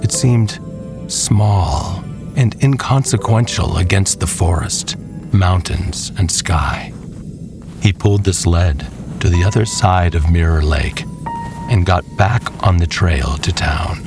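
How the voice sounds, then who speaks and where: A storyteller with a very low voice narrates a scripted tale slowly, stretching each measured phrase for dramatic weight. Music is clearly audible behind him.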